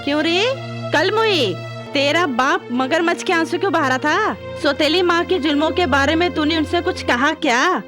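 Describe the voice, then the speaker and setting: A cruel middle-aged stepmother, played by a dubbing actress, snaps out scolding orders. Her voice sits high and sharp, and film music plays loudly under her. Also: normal speed, close to an everyday voice.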